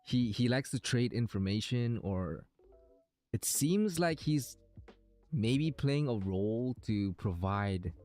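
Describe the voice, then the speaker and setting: A man's voice: lowish voice, darkish tone. A man streaming a game, chatting casually with viewers in a hesitant, rambling way, thinking aloud.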